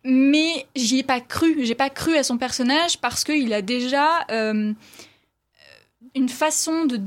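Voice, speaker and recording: A woman's voice: high voice, slow. Chatty woman reviewing a film. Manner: hesitant, many fillers and restarts. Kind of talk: casual film review chat.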